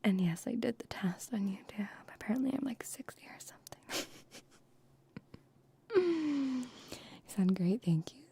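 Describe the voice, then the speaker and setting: Whispering slowly near shotgun microphones, another young woman streams ASMR, teasing her viewers fondly with pet-play chatter in a mostly unvoiced hush. Her voice is on the high side with lively intonation, and a little hiss or hum can be heard.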